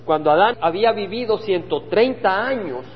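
High-voiced pastor teaching in an echoey hall. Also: male voice, animated, moderate pace. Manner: earnest, repeats key phrases for emphasis. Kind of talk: Bible study sermon. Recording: dull lo-fi sound with hall reverb and faint hum.

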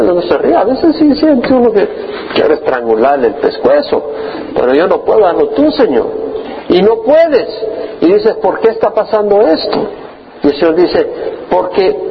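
A man preaching a sermon as pastor, lively and acting out the voices he quotes. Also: high voice, moderate pace, gravelly, highs cut off, slight background noise. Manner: animated, acts out quoted voices.

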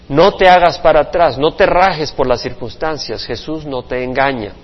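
A male pastor giving a Bible study sermon, earnestly preaching with rhetorical questions and swinging from emphatic to hushed. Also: mid-range voice, long reverb tail, dull audio.

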